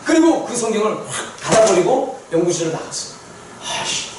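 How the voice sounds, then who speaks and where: A man's voice: high-pitched, very animated, a little fast. Man, pastor, sermon testimony, repeats words for emphasis, distant mic, faint background noise. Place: church sanctuary. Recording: echoey church hall from far off.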